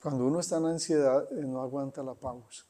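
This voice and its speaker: Mellow-voiced man giving a spiritual talk. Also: medium pitch, steady tone, a little hiss or hum. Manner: unhurried, pausing often, conversational. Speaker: spiritual teacher. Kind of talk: satsang talk.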